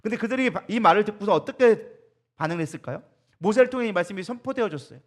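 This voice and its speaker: A man's voice: high-pitched, lively intonation, very fast. A middle-aged man preaching a sermon to his congregation, asking it questions and acting out what people and God say in changing voices. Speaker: pastor.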